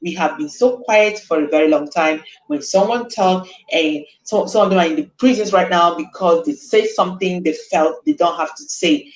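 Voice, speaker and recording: A woman's voice: fairly low pitch, moderate pace, echoey room, low-quality recording. A woman hosting a live stream from Nigeria, speaking earnestly and emphatically, repeating her points. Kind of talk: casual chat.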